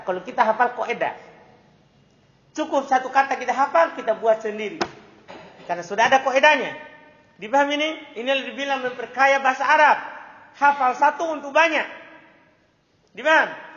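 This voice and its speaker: A man's voice: very high-pitched, a bit bright. A man teaching Arabic grammar in a classroom, constantly quizzing his students with repeated questions. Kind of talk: classroom lesson. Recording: echoey hall, dull lo-fi sound.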